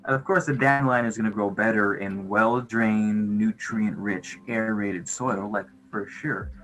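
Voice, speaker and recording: A man's voice: lowish voice, steady tone, unhurried, a bit bright, soft background music, poor audio. A man hosting a casual livestream, rambling in a laid-back, slangy stoner way with some swearing. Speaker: livestream host chatting with viewers.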